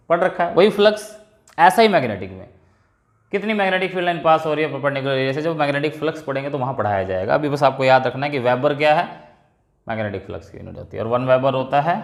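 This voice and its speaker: A man teaching physics as a class lecture, explaining step by step and repeating the key terms. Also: mid-range voice. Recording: echoey room.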